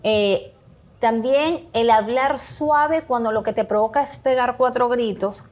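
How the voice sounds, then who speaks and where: A woman with a slightly high voice explains how to manage emotions on a talk show. She walks through practical tips with examples and sometimes voices little snippets of what people say to themselves. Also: measured pace, darkish tone. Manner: explains with examples, acts out quoted self-talk. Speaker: guest speaker on emotional health.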